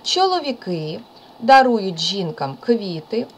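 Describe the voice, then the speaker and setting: A Ukrainian woman teaching English in a video lesson, reading each phrase slowly and then translating it. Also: mid-range voice, big pitch swings, a little hiss or hum, poor audio. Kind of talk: distance learning video lesson.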